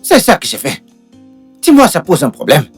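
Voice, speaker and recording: Woman playing a bumbling village helper, dubbed drama, insistent, full of interjections, lowish voice, lively intonation. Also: normal speed, slightly rough, faint music behind, exaggerated voice. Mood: flustered, unbothered. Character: brash, stubborn village helper, bumbling and unbothered.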